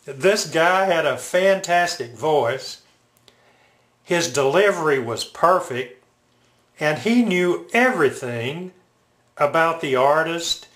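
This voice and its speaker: An older man telling personal stories casually, in a halting, reflective, unscripted way. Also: a little high, lively intonation, a bit bright. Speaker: military veteran reminiscing. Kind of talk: casual personal storytelling to camera. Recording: roomy, echoing home recording.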